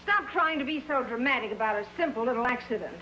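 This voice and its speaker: A woman's voice: fairly high pitch, animated, quick pace. An actress playing a patient, sensible middle-aged mother with a mild, dry teasing manner, in 1950s sitcom style. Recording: noisy old TV soundtrack, loud audience laughter.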